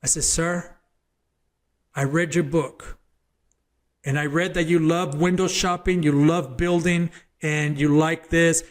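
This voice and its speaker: A man's voice: fairly high pitch, steady tone, takes it slowly, pauses often. A man who is a former gang member, a guest on an interview show, tells his personal testimony as a story, earnest and emphatic, often repeating words as he builds up.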